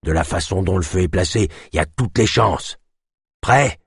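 A man voicing a tough father leading a desperate rescue, giving low, urgent commands in a storybook reading. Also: normal speed, breathy edge, dry recording, clean studio sound, heavily acted. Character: grown man, rescuing father, terse leader.

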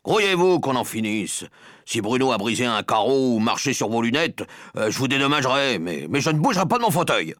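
A man's voice: expressive, moderate pace, no room sound, clean studio sound, natural voice. A man voicing a rude, blustering father who raises his voice in indignation. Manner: loud, indignant, raised high voice. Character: rude, blustering middle-aged father with mustache.

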